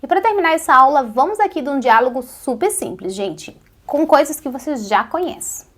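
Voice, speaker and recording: A woman with a Brazilian Portuguese accent teaching a French lesson, slowly repeating words for viewers to copy and often checking in with "tá?" and "né?". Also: high voice, lively intonation, a bit bright. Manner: addresses viewers directly with frequent "tá?" and "né?". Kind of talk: online language lesson.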